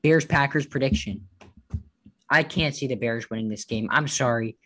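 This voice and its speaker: Guy on a sports podcast, mid-pitch voice, goofy and jokey, throws out puns. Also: moderate pace, sharp tone. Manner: playful, jokey, punning, teasing. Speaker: podcast co-host. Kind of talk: casual sports chat.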